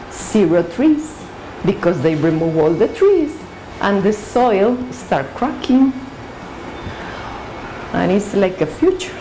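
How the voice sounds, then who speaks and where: Slow, lively Salvadoran woman artist. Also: medium pitch, low-quality recording. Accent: Salvadoran Spanish. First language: Spanish. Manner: hesitant, with frequent fillers and restarts. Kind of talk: explaining her paintings in her studio. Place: her art studio.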